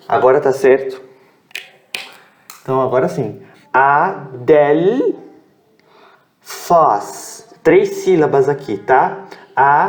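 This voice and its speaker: Slow, patient Brazilian man teaching. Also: mid-range voice, a little mellow. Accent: Brazilian Portuguese. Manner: spells out sounds and syllables, corrects himself aloud. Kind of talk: classroom lesson at a whiteboard. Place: improvised room with background noise.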